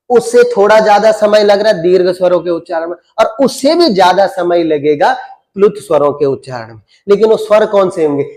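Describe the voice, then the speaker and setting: A man's voice: sits high, a little mellow. A man with an Uttarakhand Hindi accent teaching grammar, asking and answering his own questions and drawing out vowels to show their length. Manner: draws out vowels to demonstrate them. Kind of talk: classroom-style lesson with questions and answers.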